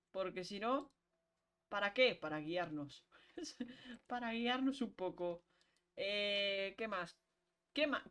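A chatty young woman, streaming a game. She keeps up a running talk with her audience and breaks into quick laughs. Her voice sits at an ordinary middle pitch. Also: fairly bright tone. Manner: chatty, talks to chat while playing, quick laughs. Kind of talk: casual gameplay chat.

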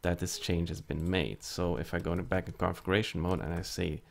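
Low gravelly man explaining a tech demo. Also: fairly even intonation, brisk. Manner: casual step-by-step explaining with fillers. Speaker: network tutorial presenter. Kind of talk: screen-recorded tech tutorial.

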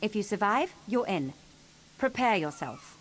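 Brief: a demanding combat overseer, curt delivery, faint noise. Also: female voice, medium pitch, very animated, measured pace. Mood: stern. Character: stern female officer overseeing combat trial.

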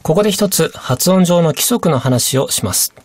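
A woman teaching a radio language course, giving calm, measured explanations and translations. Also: low voice, no echo. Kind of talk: scripted lesson explanation.

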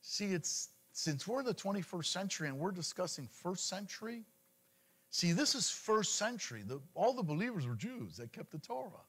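A man's voice: sits high, moderate pace, slightly rough. A middle-aged man preaching a sermon to his congregation in a conversational style, often repeating words as he goes. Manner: animated, conversational preaching with frequent repetitions. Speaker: congregation leader.

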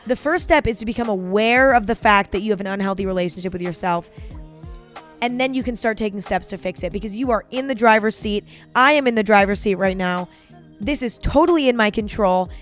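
A woman's voice: fairly high pitch, a bit bright. A woman giving an earnest, encouraging motivational voice-over, speaking directly to the listener.

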